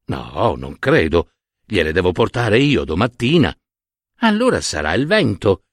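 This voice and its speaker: A poor, contented shoemaker who fusses over his work and ponders simple pleasures, as a male narrator plays him. He talks low and unhurried in a homely storybook voice. The recording is close and dry. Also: huge pitch swings, no echo, full character voice. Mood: homely, musing. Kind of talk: storybook reading.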